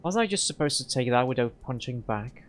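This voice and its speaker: A man's voice: mid-range voice, expressive, fairly quick, close to an everyday voice. A man voicing a whiny, defensive hacker guy.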